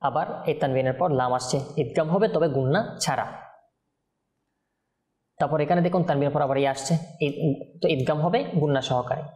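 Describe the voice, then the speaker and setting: A man teaching Quran recitation, chanting verses slowly and melodically, then explaining pronunciation rules in quick, plain speech. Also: fairly high pitch, a little mellow, echoey room. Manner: alternates slow melodic chanting with brisk explanation.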